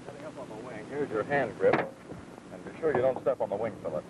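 Playing a flight instructor in a 1940s training film, an American man walks through scripted steps in a clear, orderly fashion. He has a mid-range voice with lively intonation and a slightly fast pace, and the 1940s film soundtrack is muffled and noisy.

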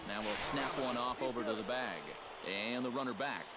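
A man playing a steady, polished play-by-play baseball announcer in a sports video game. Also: mid-range voice, noisy background, natural voice. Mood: steady, engaged. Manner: polished, measured broadcast delivery. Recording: loud stadium ambience behind the voice.

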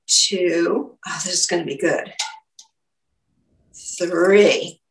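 An older woman hosts a casual cooking demonstration in her home kitchen, narrating each step as she goes, in a fairly low, gravelly voice at an extremely slow pace. A camera mic picks her up from a distance, so the kitchen sounds echoey, with slight background noise.

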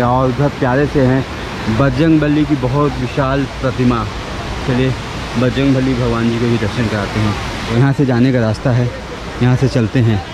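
A man narrating a walking tour vlog at an outdoor temple site, chatty and admiring, talking straight to his viewers. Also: mid-range voice. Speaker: travel vlogger. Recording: loud waterfall noise outdoors. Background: loud rushing water.

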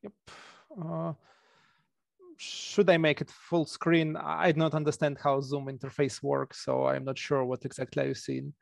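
Man, thick Russian accent, academic presenter, hesitant, dry close headset sound, slightly high voice. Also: completely flat delivery, unhurried, gravelly, no echo. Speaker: conference presenter, academic researcher. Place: home room with bookshelves. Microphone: headset on a video call.

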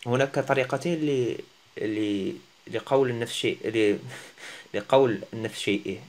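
A man who is not a native Arabic speaker teaching a French lesson, often pausing and searching for words. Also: medium pitch. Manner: halting, searching for words, self-deprecating. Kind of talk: casual language lesson.

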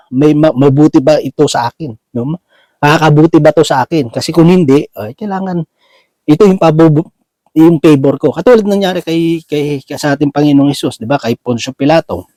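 A man's voice: fairly high pitch, dark tone, no echo, rough recording. A man preaching a Bible sermon in a casual, conversational way, often asking his listeners "right?", mixing in English words, and restarting as he searches for words. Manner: mixes English words into Tagalog.

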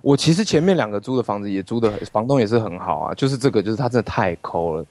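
A man hosting a livestream, telling stories in an animated way and swearing freely. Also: fairly low pitch, quick pace. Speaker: livestream host. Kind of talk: casual storytelling chat. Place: his rented room at home.

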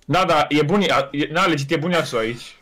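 A man's voice: fairly high pitch, a bit bright. A young man from Romania on voice chat, making dry joking remarks about the game. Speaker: gaming friend. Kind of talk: casual gaming banter.

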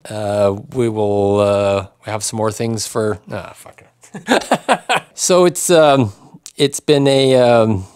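A middle-aged man hosting a casual chat, rambling and halting, laughing often between words. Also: lowish voice, darkish tone, smooth. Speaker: podcast host and musician.

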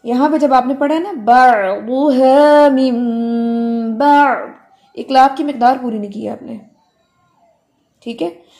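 A woman tajweed teacher running an online Quran recitation class, correcting students and modelling the recitation slowly. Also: high-pitched, gravelly, mellow.

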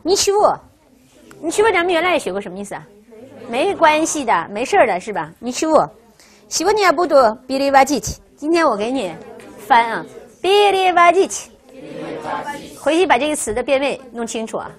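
This woman speaks in a high, sing-song voice at a fast clip while leading a language class. She keeps throwing rhetorical questions at her students and checking in with "right?" as she lectures.

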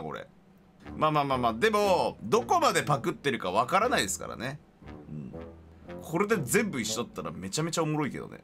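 Male streamer, slightly high, bright and forceful, excitable gameplay commentary. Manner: excitable, laughing, jokey reactions. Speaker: game streamer.

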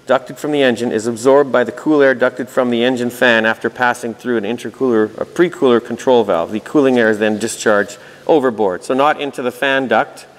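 Walking informally through technical diagrams, a male host reads some parts aloud and adds dry remarks in a conversational way. He speaks at medium pitch with fairly even intonation, a little fast and with few pauses, and the room leaves a long, reverberant tail on his voice.

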